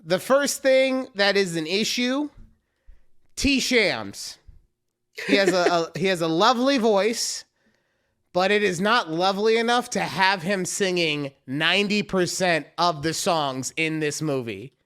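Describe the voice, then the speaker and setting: Bright-voiced joking man. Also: high voice, animated, measured pace, clean tone. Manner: joking, loud bursts. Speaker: podcast co-host. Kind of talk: casual chat.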